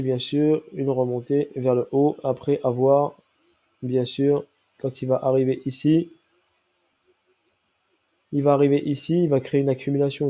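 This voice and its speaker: A man talks through a trading chart in a very dark, mellow voice made nasal by a cold. His nose is clearly stuffed up. He explains step by step, middle-pitched, and keeps checking that listeners are with him. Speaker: crypto trading analyst. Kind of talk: chart analysis walkthrough.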